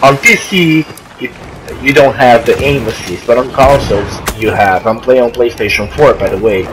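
This young Brazilian gamer speaks English as a second language with a Brazilian Portuguese accent and a mid-range voice, stopping, groping for words and starting over as he narrates his play. Allergies have him coughing. He's at a friend's place on a trip, on a stand-in microphone instead of his regular one, and the home recording comes out noisy and low quality.

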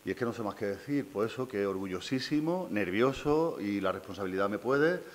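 A man's voice: fairly low pitch, expressive, a little fast. A man in his forties from southern Spain with an Andalusian accent, giving an informal, unscripted thank-you speech and searching for words. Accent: Andalusian Spanish. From Linares, Andalusia, Spain. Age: 40s. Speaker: invited festival speaker, a designer. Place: small indoor meeting room. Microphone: gooseneck desk microphone.

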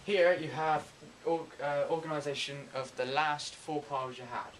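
A young man in his teens giving an informal, halting step-by-step card trick tutorial in amateur magician patter. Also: fairly high pitch, steady tone, a little hiss or hum. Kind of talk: informal step-by-step demonstration and explanation. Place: indoors at a table and whiteboard.

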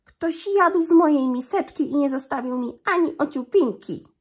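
Lady putting on a tiny whiny bear cub voice, high and squeaky, storybook read-aloud. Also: moderate pace, natural voice. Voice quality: thin squeaky voice. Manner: loud complaining cries.

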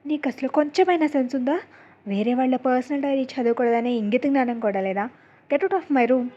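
Woman doing a mad young girl in an audio story, sharp and scolding, kinda high, dull lo-fi sound. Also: moderate pace. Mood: angry. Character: angry young woman snapping at an intruder.

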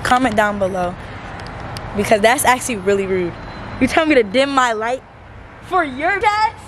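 A woman's voice: on the high side, expressive, moderate pace, a bit bright, slight background noise. A young woman vlogging casually in a car and at a gas station at night. She is blunt and playful and talks straight to her viewers. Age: young adult. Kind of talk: casual chat.

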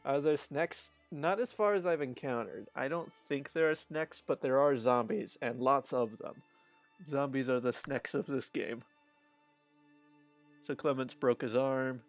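A man's voice: mid-range voice, a little slow, soft background music. A man streaming a game live, chatting in a rambling way with frequent laughs. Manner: chatty and rambling, laughs often, restarts sentences. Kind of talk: casual live-stream commentary.

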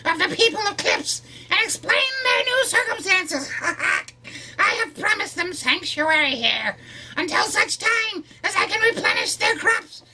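A performer voicing a hammy king of the gods in a high, wailing, shouty voice. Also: animated, a little slow, slight background noise, heavily acted, poor audio. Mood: mock-solemn. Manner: shouty, wailing, breaking into laughter.

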